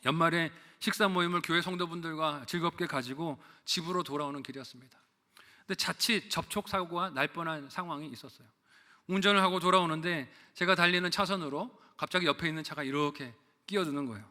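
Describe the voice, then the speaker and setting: Bright-voiced pastor preaching in a reverberant church. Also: male voice, on the high side, fast. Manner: storytelling with quoted asides, rhetorical questions. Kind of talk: sermon. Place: church sanctuary.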